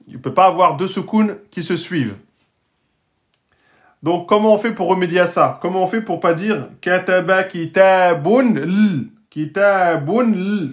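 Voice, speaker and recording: A man teaching the Arabic alphabet and Quran reading rules, patiently sounding out words and checking in with his learners. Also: high-pitched. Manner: patient, checks in often with "d'accord?" and "hein?"; sounds out Arabic words slowly and repeats them. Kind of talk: explanatory lesson to French-speaking learners.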